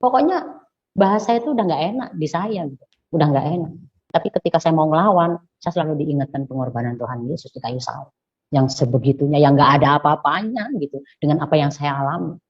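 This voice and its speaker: Woman, mellow dark voice, halting and repetitive, earnest personal testimony, muffled lo-fi recording. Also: low-pitched, husky. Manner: halting, repeats phrases, earnest and pleading. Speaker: convert giving a personal testimony.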